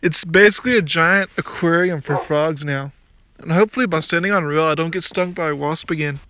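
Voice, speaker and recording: Rambling young man, high voice. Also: fairly quick, sharp tone, slight background noise. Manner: rambling, restarts often, mildly crude. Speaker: gaming YouTuber. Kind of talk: casual gameplay commentary. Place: outdoors by a backyard pool. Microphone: phone.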